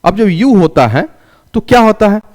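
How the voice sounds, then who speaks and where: A man's voice: high-pitched, big pitch swings, normal speed, a little mellow, in a large hall. A male teacher giving a classroom English lesson, asking questions and answering them himself and having students repeat after him. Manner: calls students "raja".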